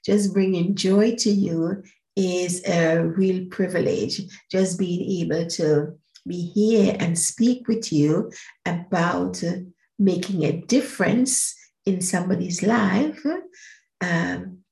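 A woman's voice: lowish voice, slow, gravelly, darkish tone, echoey room. A woman hosting her own podcast as a life coach, speaking in an earnest, encouraging way and repeating her phrases. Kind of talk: solo podcast monologue.

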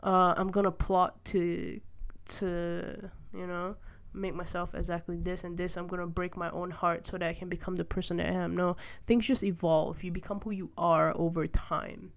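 A young Malaysian woman hosts a solo podcast from a room by a window while rain falls. Her fairly low voice shows vocal fry and little pitch movement, at normal speed with few pauses. The casual monologue is thoughtful yet hesitant, with many fillers and restarts.

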